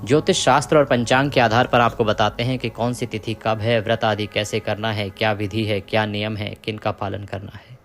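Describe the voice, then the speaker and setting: A man who hosts a devotional channel, narrating a religious story in a measured, reverent way and speaking to his devotees. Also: on the low side, flat delivery. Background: music.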